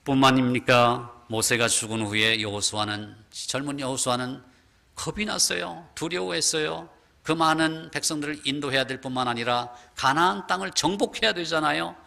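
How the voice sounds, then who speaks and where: A male pastor delivers an emphatic sermon in a gravelly, forceful voice. His delivery is exhortative and insistent. He sinks to a hushed, slow voice whenever he quotes God's words. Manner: emphatic preaching, lowers voice to a hush when quoting God.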